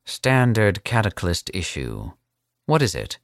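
A suave older captor, cold and amused, speaks, as a male narrator puts him on, in a very low, smooth voice. He drawls each line with easy condescension. The sound is close and dry. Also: wildly swooping pitch, unhurried, dry recording, exaggerated voice. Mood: calm, menacing.

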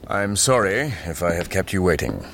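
An actor playing a grave, imperious immortal lord of dreams, formal, cold and solemn, in an audio drama. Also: male voice, sits low, sing-song, moderate pace, a bit bright, slight background noise, exaggerated voice. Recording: clear music behind the voice.

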